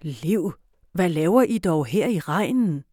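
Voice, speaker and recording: Lady doing a gentle old grandpa in a storybook, calm and kind. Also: lowish voice, no echo, studio quality.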